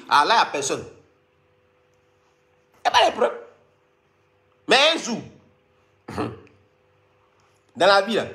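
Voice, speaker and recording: A man with a Cameroonian French accent delivering a mocking, scolding comic rant to his viewers, with sudden squeaky jumps. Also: a bit bright. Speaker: online commentator.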